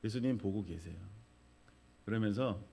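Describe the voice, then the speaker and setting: A man's voice: on the low side, moderate pace, gravelly, dark tone. A middle-aged male pastor preaching a sermon, telling a vivid story and acting out the crowd's cries.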